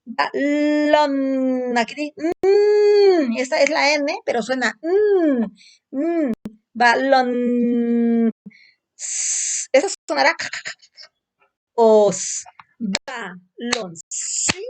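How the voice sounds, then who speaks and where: Woman teaching a little kid letter sounds at home, slow and patient, stretches out each sound, kinda high voice. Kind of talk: phonics lesson for young children.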